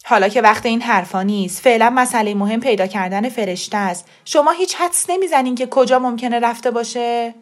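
A woman reader voicing a calm, level-headed father who speaks steadily and reasonably. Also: a little high, hardly any pauses, lightly acted.

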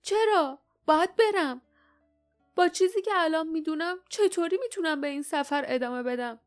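A woman's voice: sits high, steady tone, smooth, soft background music. A woman reading a young hero in grief and anger. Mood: angry. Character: young male hero, grieving and hot-tempered. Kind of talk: audiobook character reading.

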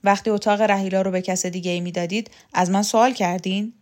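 Brief: defiant young man figure, quick and pointed, storybook reading, voiced by a woman narrator. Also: medium pitch, fairly even intonation, a little mellow, natural voice. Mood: wary. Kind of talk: audiobook character voice.

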